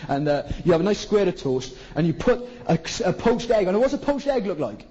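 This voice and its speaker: A man's voice: sits high, big pitch swings, fairly quick, dark tone, husky, muffled recording. A man with a Welsh Valleys accent preaching a colloquial sermon, putting rhetorical questions to his listeners. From South Wales valleys.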